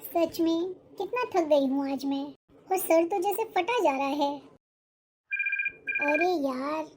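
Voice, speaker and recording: A woman voicing an arrogant, scornful young daughter-in-law in a cartoon-style family drama, always complaining and snapping back. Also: extremely high pitch. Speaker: schoolteacher character.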